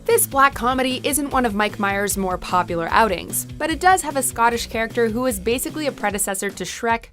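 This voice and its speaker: Woman, scripted countdown narration, animated pitch, faint music behind. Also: a little fast, hardly any pauses.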